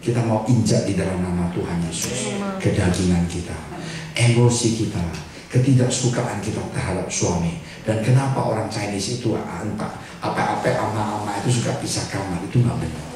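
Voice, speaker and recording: An older man preaching a lively, joking sermon to a church congregation, slipping in English and Chinese words. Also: on the low side, moderate pace, noisy background. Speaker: pastor. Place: church hall. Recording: echoey hall from far off with congregation. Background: congregation laughing.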